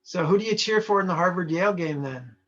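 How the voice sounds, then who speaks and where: A bright-voiced Montana trainer on a lo-fi video call speaks quickly and expressively in a high register. Chatting casually with online participants, he reads their chat messages aloud and comments on them.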